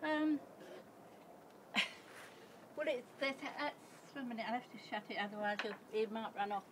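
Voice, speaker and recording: A high-voiced elderly woman talks casually at her doorstep. She is halting and unsure as she goes. The phone recording has light ambient noise from outside. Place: outdoors at a house doorstep. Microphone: handheld phone held by the other person. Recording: noisy handheld phone recording outdoors.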